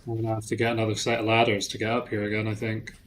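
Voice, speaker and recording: A man's voice: on the low side, monotone, racing, a little hiss or hum. A man giving casual gameplay commentary on a livestream, thinking aloud and joking with his chat. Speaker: streamer.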